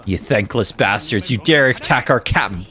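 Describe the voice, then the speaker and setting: A man voicing an angry crewman who defends his captain, read slowly and threateningly. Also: on the low side, lively intonation, sharp tone, soft background music. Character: angry male ship crewman, loyal to captain.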